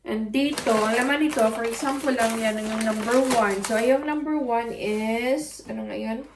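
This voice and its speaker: A woman's voice: a little high, moderate pace, noisy background. A woman vlogger chatting casually as she unboxes food, joking about names she can't pronounce. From Philippines. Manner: chatty, self-deprecating, stumbles over food names. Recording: roomy, distant mic, music underneath.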